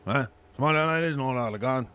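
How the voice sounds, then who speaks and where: A man's voice: mid-range voice, fast, sharp tone, clean tone, pitched above the performer's own voice, lightly acted. A man voicing a rambling, balding town drunk in a slurred drunkard's voice for a tabletop game. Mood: drunken rambling. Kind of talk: tabletop role-play.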